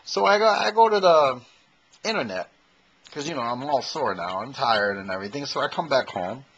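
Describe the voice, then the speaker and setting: A husky-voiced man in his fifties talks straight into a small camcorder from his own room. He rambles through a self-mocking comedy routine and keeps repeating his punchlines. His voice sits at a middle pitch. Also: lively intonation, moderate pace, fairly bright tone, muffled recording. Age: 50s. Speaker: amateur comedian and impersonator. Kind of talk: stand-up comedy monologue to camera. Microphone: handheld camcorder mic.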